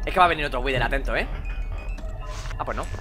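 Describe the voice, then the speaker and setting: A young man from Spain streaming a horror game, who swings from low muttering to panicked shouting. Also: quick pace, music in the background. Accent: Spain Spanish. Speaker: gaming streamer. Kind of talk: live gameplay commentary.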